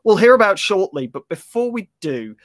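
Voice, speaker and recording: Measured man hosting an interview. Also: high-pitched, sing-song, fairly bright tone, no room sound, studio quality. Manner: measured, reading out set questions. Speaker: interview show host. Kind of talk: interview questions.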